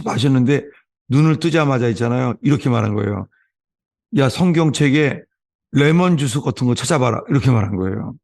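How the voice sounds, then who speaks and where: Korean pastor telling sermon anecdotes. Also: male voice, medium pitch, gravelly, a little mellow. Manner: storytelling, acts out quoted voices. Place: church sanctuary.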